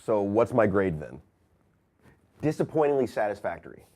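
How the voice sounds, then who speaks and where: An actor playing a bewildered, sarcastic office slacker in a comedy drama. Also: male voice, on the low side, very animated, moderate pace, a little mellow. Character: bewildered, sarcastic slacker office worker, grieving his friend. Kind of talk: comedic audio-drama dialogue.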